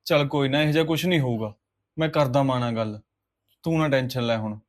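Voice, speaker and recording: A man acting a young husband in a short drama film, calming his crying wife with repeated reassurances. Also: mid-range voice, quick pace, close to an everyday voice. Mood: placating. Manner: placating, coaxing, repeats reassurances. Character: young husband, soothing and placating.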